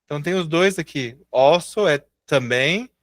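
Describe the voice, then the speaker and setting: Encouraging Brazilian teacher, close dry voice. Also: male voice, on the high side, lively intonation, dry recording. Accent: Brazilian Portuguese. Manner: encouraging, patient, slowly drawls out example words. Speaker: English teacher. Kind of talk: live online class.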